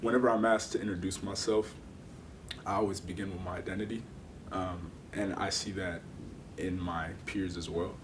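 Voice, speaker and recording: A young man speaking quickly and with assurance about his identity in a documentary interview. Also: steady tone. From South Sudan. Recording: distant mic with audible low rumble.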